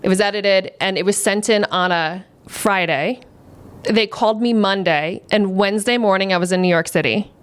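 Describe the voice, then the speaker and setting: Lively woman telling a story, laughing. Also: medium pitch, normal speed, smooth. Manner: animated, laughs often, acts out quotes. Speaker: guest, food stylist. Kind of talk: casual storytelling interview.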